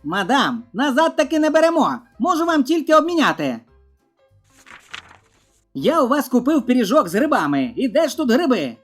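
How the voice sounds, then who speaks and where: Woman rattling off jokes, kinda high voice, bouncy delivery, quiet music under it. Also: very animated, moderate pace. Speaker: joke narrator. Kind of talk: reading a string of short jokes.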